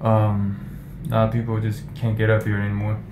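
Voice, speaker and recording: A man's voice: lowish voice, completely flat delivery, fairly quick, roomy sound. Nervous man filming on his phone. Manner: nervous, swearing, talking himself through fear of heights; drops to a hushed whisper at times. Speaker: vlogger. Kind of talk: casual vlog commentary. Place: outdoors in a gondola cable car high over mountains. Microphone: handheld phone. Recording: phone recording with wind and vehicle noise. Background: wind whistling and cable car hum.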